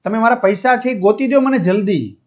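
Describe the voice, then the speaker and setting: A man voicing an impatient male tourist who shouts and demands in exasperation, read out in a lesson. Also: high voice, animated, moderate pace. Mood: angry. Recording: dull lo-fi audio.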